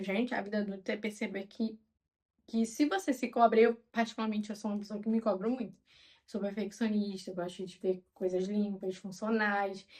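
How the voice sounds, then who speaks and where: A woman in her twenties with a Brazilian Portuguese accent, chatting calmly and openly to her viewers like a friend. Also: on the high side. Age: 20s. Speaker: vlogger. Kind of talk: casual chat to camera.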